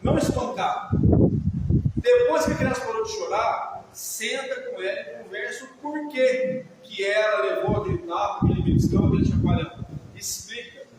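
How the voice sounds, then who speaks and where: A man with a very high voice and a Brazilian Portuguese accent lectures a live audience, conversational and full of questions to the room. He is caught from far off in a big hall, with heavy echo, long reverb and a faint hiss underneath. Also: moderate pace. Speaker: lecturer on emotional healing.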